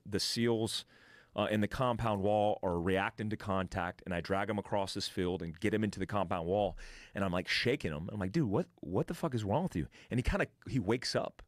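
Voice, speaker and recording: A man's voice: lowish voice, normal speed, no echo, clean studio sound. A man telling a war story as a podcast guest, in blunt, profane casual storytelling with restarts and vocal imitations of gunfire. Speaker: podcast guest, military veteran.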